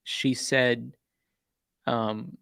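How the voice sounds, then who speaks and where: A man with a gravelly, fry-touched voice talks casually to his livestream audience. His story rambles and restarts, with an exasperated tone. The close mic gives a dry, flat sound. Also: mid-range voice, extremely slow, dry recording. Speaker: YouTube true-crime channel host.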